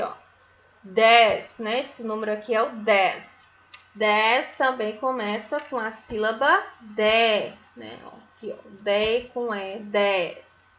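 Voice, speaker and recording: A woman's voice: a little high, fairly bright tone, dull audio. A Brazilian woman teaching a phonics lesson to young children, stretching out syllables and checking in often with little tag questions. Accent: Brazilian Portuguese. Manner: drawn-out syllables, frequent "né?" and "certo?" checks.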